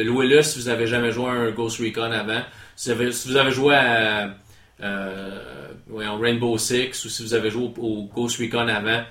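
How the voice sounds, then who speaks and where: A man with a Quebec French accent hosts a casual podcast and reviews a game in a chatty, animated way. His voice is bright and forward, and it rings in an echoey room. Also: medium pitch.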